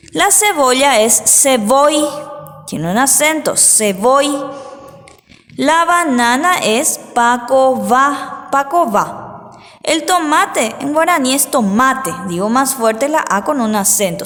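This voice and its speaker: A woman teacher giving a patient lesson to pupils, slowly repeating each word for them to say back. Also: fairly high pitch, a bit bright, big-room sound. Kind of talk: remote class lesson.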